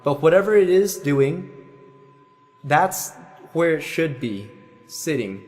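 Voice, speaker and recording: A man's voice: on the high side, sing-song, slow, darkish tone, faint music behind. A man giving a singing lesson as voice teacher, patiently explaining and singing vowels to show them.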